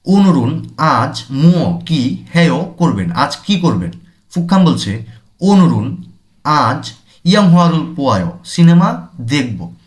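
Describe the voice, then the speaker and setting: A man from Bangladesh teaching a language class at an unhurried, deliberate pace. His pitch rises and falls a great deal as he stresses words. He repeats each term and then explains it. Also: sing-song. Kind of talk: recorded language lesson. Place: language center classroom or studio.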